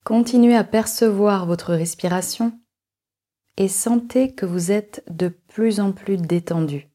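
Long pauses punctuate the calm, measured guidance of a woman teaching yoga nidra relaxation meditation in a medium-pitched voice.

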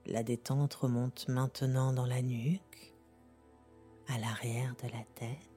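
Woman doing a bedtime sleep story style meditation, super slow n breathy half whisper, calm, music behind. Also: very deep voice. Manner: calm, gentle, unhurried with long pauses. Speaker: guided sleep meditation narrator. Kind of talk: soothing guided meditation narration in the manner of a sleep story narrator.

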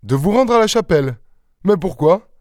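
A man reading the part of an anxious gentleman who is easily amazed and full of questions. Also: high-pitched, lively intonation, normal speed, no echo, clean studio sound, pitched above the performer's own voice. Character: anxious, astonished gentleman, middle-aged man. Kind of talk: audiobook character voice.

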